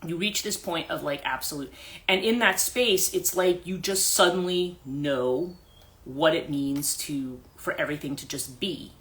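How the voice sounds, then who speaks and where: A woman's voice: low voice, unhurried, a bit bright. A middle-aged woman life coach telling a personal story on a morning phone livestream, rambling with many fillers and restarts.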